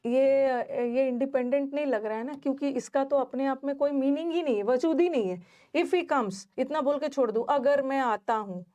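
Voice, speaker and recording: Woman teaching grammar, slightly high voice. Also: mellow. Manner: explains step by step, repeats key words, asks the class questions. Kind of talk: classroom grammar lesson.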